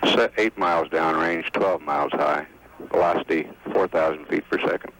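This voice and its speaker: A man's voice: extremely low pitch, steady tone, normal speed. A man giving factual, formal technical flight commentary from mission control, reading out figures. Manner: factual, formal number readouts. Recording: noisy archival radio broadcast.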